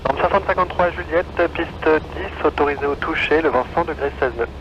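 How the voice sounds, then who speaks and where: Male air traffic controller, over a radio, fairly high voice, muffled sound, clear static noise, procedural clearances. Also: a little fast. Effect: heard over a radio. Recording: muffled, very noisy aviation radio.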